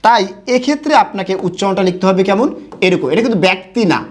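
A man's voice: sits high, lively intonation, quick pace, a little mellow. A young man teaching a Bengali grammar lesson, asking questions and answering them himself. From Bangladesh. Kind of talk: recorded classroom lesson.

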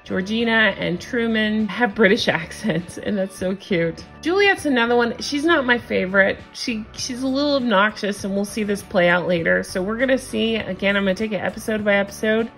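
A woman's voice: medium pitch, moderate pace, few pauses, fairly bright tone, faint music behind. Chatty American woman recapping reality TV. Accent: standard American. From United States. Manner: chatty, gossipy, opinionated. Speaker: TV recap host. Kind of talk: casual reality-show recap commentary.

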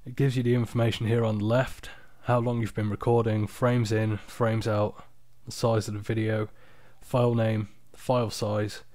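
A man's voice: on the low side, flat delivery, moderate pace, hardly any pauses, a little mellow, dry recording. Tired man narrating a screen recording. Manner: hesitant, many fillers and restarts. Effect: screen-recording narration over a desktop capture. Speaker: software tutorial presenter. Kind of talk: screen-recording voice-over walkthrough. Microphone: external microphone.

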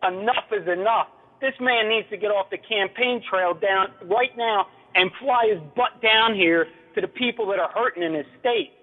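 A man's voice: high-pitched, normal speed, hardly any pauses. A man calling in to a radio show over a phone line, complaining angrily and urgently. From New Jersey. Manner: angry, urgent, indignant complaint.

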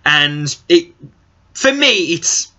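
A man's voice: a little high, big pitch swings, extremely slow, pushed and bright. A young man giving a casual film review from a small office, talking earnestly with frequent "I think" hedges into a webcam. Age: young adult. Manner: earnest, gesturing as he talks, many "I think" hedges. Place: small cluttered office indoors. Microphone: built-in webcam mic at desk distance. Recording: dull lo-fi webcam audio.

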